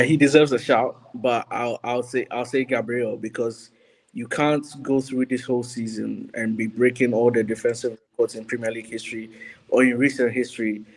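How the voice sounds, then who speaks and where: On a football podcast, a Ghanaian man with a medium-pitched voice shares his views as a panelist in conversational punditry. The audio quality is poor.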